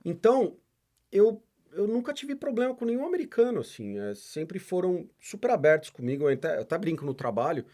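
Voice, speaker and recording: Male guest, lively storyteller, slightly high voice with a wide swing. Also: brisk. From Brazil. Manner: animated storyteller, acts out quoted dialogue. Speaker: podcast guest. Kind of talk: casual interview chat.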